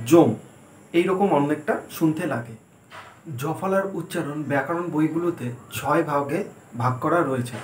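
A man's voice: fairly high pitch, slight background noise. A man giving a spelling lesson at a board, asking questions and answering them himself as he spells words out letter by letter. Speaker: teacher. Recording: echoey room.

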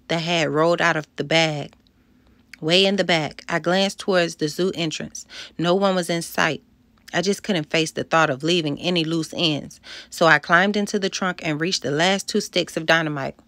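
A woman with a lowish voice reads a first-person children's story aloud, lively and expressive as she carries the scenes. The sound is close and dry, with no room around it. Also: dry recording. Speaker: audiobook narrator.

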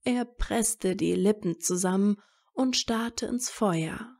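A woman reads a scripted story unhurriedly. She has a mellow, mid-pitched voice with noticeable vocal fry.

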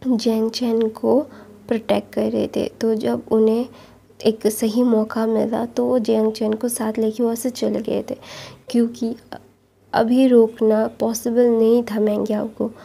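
A soft-spoken woman casually retelling a romance story, chatty and looping back with the same linking phrases. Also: on the high side, little pitch movement, unhurried, vocal fry, husky.

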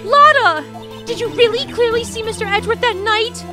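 A woman voicing a spunky, loyal teenage girl sidekick in a courtroom game, in a shrill, insistent way. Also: moderate pace. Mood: indignant. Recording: game music playing behind.

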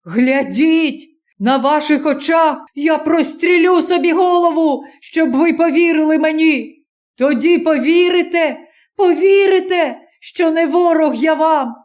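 A hunted young student pleads with a hostile crowd in an anguished, strained voice, as a woman narrator puts him on. He speaks slowly and climbs into high, cracking shouts. It is an audiobook reading. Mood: desperate.

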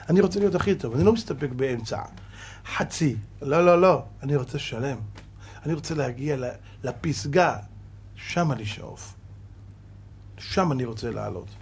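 A man who is a rabbi, giving a sermon in an emphatic preaching manner, asking rhetorical questions and sometimes bursting out loud. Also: fairly high pitch, animated, vocal fry, breathy edge.

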